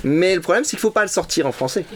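A man's voice: high-pitched, lively intonation, moderate pace, over a noisy crowd. A man hosting a quiz game, announcing rules and scores playfully. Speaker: quiz host.

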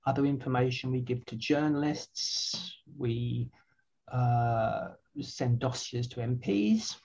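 An older woman, a website founder appearing as a guest, answers interview questions earnestly, often restarting and repeating words. Her bass voice is slow, gravelly, and dark, in a muffled recording.

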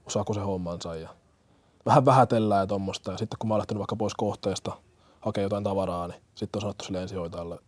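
A man's voice: lowish voice, steady tone, darkish tone, no echo. A young man, a firefighter-paramedic from Kenya, answering interview questions earnestly with many fillers and restarts.

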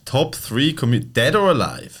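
Young male podcast host, very lively intonation, blunt, profane. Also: medium pitch, normal speed, breathy edge. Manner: animated, blunt, swearing storyteller. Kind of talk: casual podcast chat.

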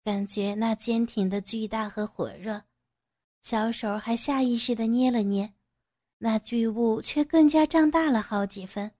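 Woman narrating an audio story, higher voice. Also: unhurried, warm tone.

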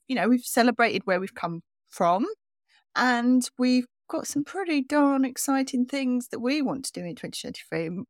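Woman, podcast co-host, croaky morning voice, chatty, self-mocking, dry close sound. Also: on the high side, dry recording. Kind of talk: casual chat.

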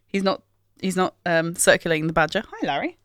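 A woman's voice: fairly low pitch, very animated, a little fast, a bit bright, dry recording, clean studio sound. A woman co-hosting a podcast, chatting casually, reading tweets aloud with giggles. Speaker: podcast co-host. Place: home room at night.

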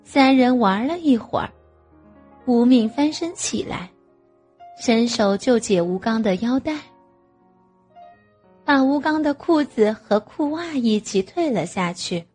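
A woman narrating an audio novel in a slow, even storytelling manner. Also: a little high, slightly rough, soft background music.

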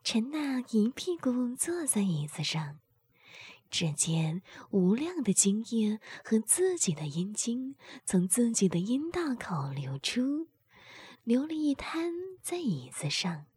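A woman narrating an adult audio story in a slow, unvoiced whisper, as whispered role-play. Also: fairly high pitch, sing-song, a little mellow, husky, dry recording.

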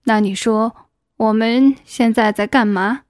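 A domineering middle-aged official, voiced by a woman reading an adult audiobook, coaxing and breathy. The voice sits fairly high for a man and sounds dry and close. It is delivered in an insistent, lewd storybook style. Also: fairly even intonation, measured pace, no echo, natural voice.

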